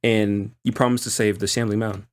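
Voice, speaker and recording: Halting man running a tabletop game. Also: on the low side, level tone, smooth. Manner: halting, piecemeal narration. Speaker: game master. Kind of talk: narrating a tabletop roleplaying game.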